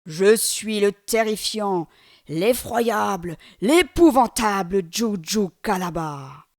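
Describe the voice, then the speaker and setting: A woman voicing a booming greedy monster spirit. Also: animated. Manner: booming, slow and drawn out. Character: huge greedy male monster spirit, blustering.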